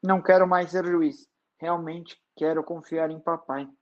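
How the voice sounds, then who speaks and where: Um homem fazendo um pai desesperado que implora. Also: male voice, on the high side, fairly even intonation, measured pace, highs cut off, close to an everyday voice. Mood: anguished, questioning. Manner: raised, pleading voice. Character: grieving father, desperate and pleading. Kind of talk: dramatized book reading.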